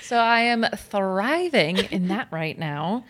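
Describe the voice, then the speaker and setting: A woman's voice: mid-range voice, expressive, slow. Sassy, playful woman bantering on a podcast. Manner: playful and sassy, campy slang; giggly, often laughing while talking. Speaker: podcast co-host.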